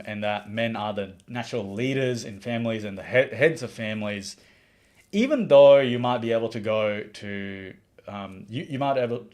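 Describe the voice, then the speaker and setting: With a medium-pitched, darkish voice, a man from the Maldives runs a livestream, reading out viewers' comments. His commentary is earnest and full of opinions, marked by frequent restarts.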